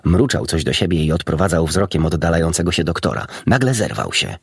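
A man narrating a children's storybook in a steady, even-paced reading. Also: deep voice, fairly quick, gravelly, husky, dry recording, studio quality. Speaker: audiobook narrator.

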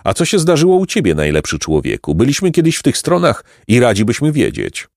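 A man's voice: mid-range voice, huge pitch swings, fairly quick, gravelly, a little mellow, no echo, studio quality, voice pushed up. A man voicing an earnest, eager young man in a storybook reading, exclaiming and asking questions.

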